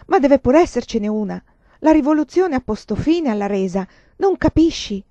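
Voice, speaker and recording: A woman's voice: fairly high pitch, moderate pace, warm tone, no room sound, dull audio, voice pushed up, close to an everyday voice. A woman reading the part of a frustrated young Chinese man who pleads and protests with rising force. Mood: pleading. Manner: rising, pleading and indignant outbursts.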